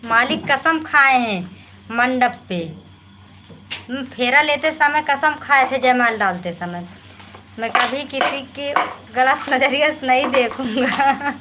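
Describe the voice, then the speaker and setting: High-voiced Awadhi woman chatting on a live stream. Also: slow. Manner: chatty, laughing often, calling to children. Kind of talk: casual live chat. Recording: noisy home recording.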